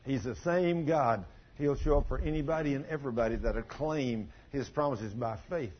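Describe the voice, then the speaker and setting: An older man preaching a sermon in a church, telling folksy stories and surging loud for emphasis, in a husky voice. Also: medium pitch, normal speed. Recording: dull lo-fi recording.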